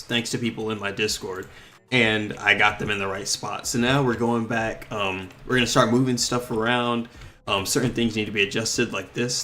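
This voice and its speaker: A man's voice: on the low side, slight background noise. A man streaming live as he designs police cars for a game, chatting casually with plenty of ums and likes. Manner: relaxed, rambling, full of ums and likes.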